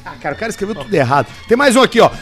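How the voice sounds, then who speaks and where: A man's voice: high-pitched, big pitch swings, racing, fairly bright tone, faint music behind. A tipsy man, co-hosting a podcast and reading out viewer messages in joking banter. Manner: jokey, reads viewer messages aloud. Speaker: podcast co-host reading superchats. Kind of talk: casual banter.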